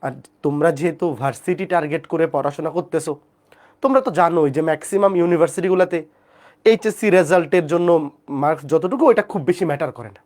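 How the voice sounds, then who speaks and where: Feverish soft-spoken Bangladeshi math teacher. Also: medium pitch, fast. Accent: Bangladeshi Bengali. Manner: keeps checking in with students. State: feverish, speaking softly. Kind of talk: live online class lecture.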